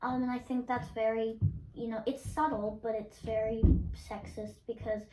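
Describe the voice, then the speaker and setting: A teenage girl answers questions in a casual, halting way, filling pauses with ums and restarting her sentences. Her voice sits fairly high. She sounds far from the microphone in a roomy, echoing space. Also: level tone, warm tone, slight background noise. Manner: hesitant, many ums and restarts. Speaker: interviewee, younger sibling. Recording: roomy echo, distant mic.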